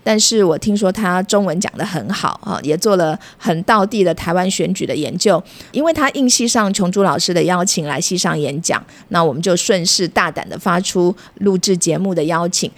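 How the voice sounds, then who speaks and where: A woman's voice: lowish voice, a little fast, few pauses. A woman with a Taiwanese Mandarin accent hosting an interview in a polite, explanatory way. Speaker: podcast host.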